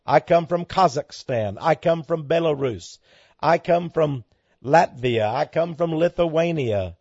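A man's voice: a little high, lively intonation, a little slow, gravelly, a little mellow, husky, no echo. A man hosting a ministry program, reading listener letters aloud and answering them in an emphatic preaching way, his voice climbing sharply when he gets worked up. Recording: dull lo-fi dry recording.

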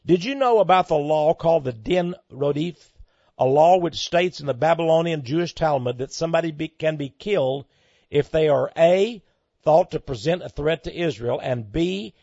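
Emphatic preaching man, higher voice, dull recording. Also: animated, normal speed, dark tone, dry recording. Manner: emphatic preaching delivery, voice climbs sharply when worked up. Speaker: ministry program host. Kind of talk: reading and answering listener letters.

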